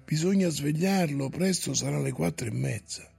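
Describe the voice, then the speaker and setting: A man voicing a stubborn, grumbling old manservant who keeps nagging and coaxing his master, in a husky, creaky voice. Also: a little high, moderate pace, a little mellow, faint music behind, heavily acted.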